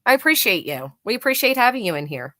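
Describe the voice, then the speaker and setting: Her pitch sits in the middle but swings widely, and she speaks quickly with a slightly bright tone and no echo. On her live stream she's blunt and sarcastic, tearing into clips, reading chat, talking with viewers and cursing without restraint.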